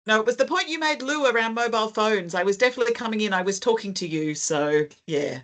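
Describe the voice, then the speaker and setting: A woman's voice: medium pitch, expressive, fast talker. A woman hosting and chairing an online video call conversation, friendly and wordy with frequent ums. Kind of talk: casual online meeting chat.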